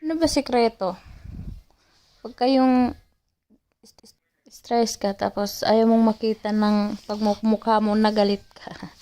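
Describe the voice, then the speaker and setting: A young mother with a Filipino Cebuano-tinged accent, talking slowly in a casual vlog. Her voice is soft and mellow, and she complains in a rueful, self-mocking way, sighing now and then. The recording is close and dry. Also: medium pitch, fairly even intonation. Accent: Filipino, Cebuano-speaking. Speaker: mother vlogger.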